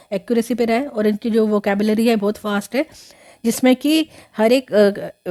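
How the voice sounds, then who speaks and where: A woman's voice: medium pitch, warm tone. A woman giving a history lesson, explaining step by step with many fillers and self-corrections, mixing English words into her talk. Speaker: history teacher. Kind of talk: explaining lecture.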